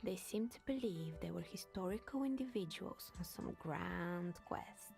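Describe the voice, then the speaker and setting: A woman's voice: fairly low pitch, vocal fry, darkish tone. A woman voicing a wry older woman in a video game who tells stories in a dry, sardonic, half-whispered way. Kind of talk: voiced game dialogue.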